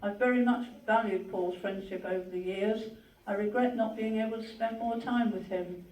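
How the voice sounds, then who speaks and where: The host of a memorial gathering, reading tributes and introducing speakers in a gentle, unhurried way with small hesitations. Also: medium pitch, fairly even intonation. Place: large hall at a memorial gathering. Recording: echoey hall, from a distance, faint noise.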